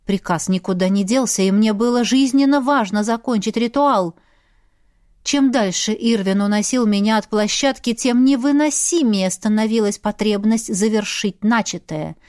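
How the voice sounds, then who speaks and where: A woman's voice: medium pitch, moderate pace, a little mellow, no echo, studio quality. Woman reading a fantasy audiobook. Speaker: audiobook reader. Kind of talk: first-person fantasy audiobook narration.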